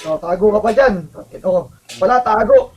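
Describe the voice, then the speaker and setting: A man's voice: high-pitched, expressive, normal speed, darkish tone, soft background music. Man trash-talking in a game. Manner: taunting, swearing, impatient. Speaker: opposing game streamer. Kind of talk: trash-talking live gameplay banter.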